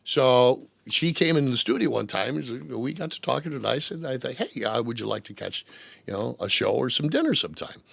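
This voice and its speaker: A man, a former radio DJ, telling stories in an interview, animated and laughing often, putting on voices for the people in his anecdotes. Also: medium pitch, fairly quick, vocal fry, slightly rough, dry recording. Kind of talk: storytelling interview. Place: radio studio.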